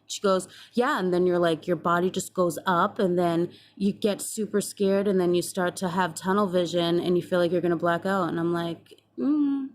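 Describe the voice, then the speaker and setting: A woman's voice: fairly low pitch, level tone, moderate pace, hardly any pauses, a little hiss or hum. A woman in her twenties telling a personal story to the camera in a chatty, casual way, acting out past conversations and swearing freely. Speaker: vlogger.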